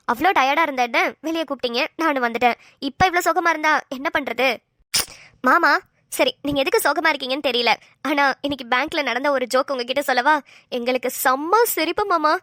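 A woman's voice: sits high, no room sound. A woman voicing a chatty young wife who teases and tells stories, close and dry. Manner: chatty, teasing, animated storytelling.

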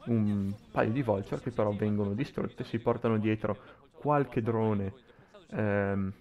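A man's voice: on the low side, slow pace, dull audio. A man giving live commentary on a video game match, often repeating and reworking his phrases as he goes. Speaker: esports commentator.

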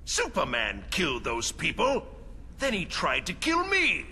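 An actor playing a gleefully menacing, theatrical clown supervillain in a video game, mocking and prone to bursting into shouts. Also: male voice, a little high, huge pitch swings, unhurried, background noise. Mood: grandiose menace. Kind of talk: video game cutscene acting.

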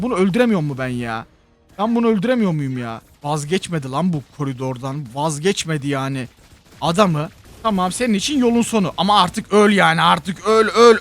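Excitable high-voiced man commentating a game. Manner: excitable, chatty, shouts chants at the game. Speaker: gaming YouTuber. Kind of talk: live gameplay commentary.

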